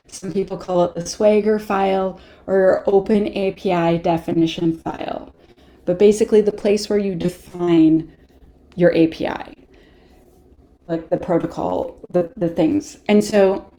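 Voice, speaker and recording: A woman's voice: medium pitch, gravelly, dark tone. A woman with a Canadian accent presenting a live online workshop, chatty, laughing often and answering viewer questions as she goes.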